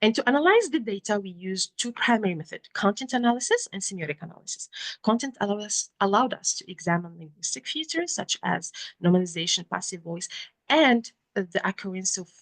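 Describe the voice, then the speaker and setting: A woman with a Moroccan accent presenting research at an academic conference in a halting, often self-correcting way. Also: medium pitch, animated, poor audio. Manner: hesitant, halting delivery with frequent self-corrections.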